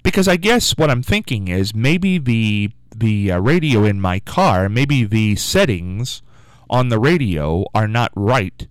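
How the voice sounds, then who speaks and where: On a morning call-in show, a radio host muses and rambles into a studio microphone, again and again asking listeners to call. His fairly low, smooth voice is very animated yet a little slow, in a dry, low-quality recording.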